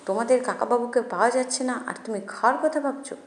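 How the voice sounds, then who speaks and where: A woman's voice: a little high, fast talker, roomy sound, natural voice. Woman doing a blustering stingy old hotel manager. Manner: blustering, scolding. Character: grumpy stingy older male hotel manager.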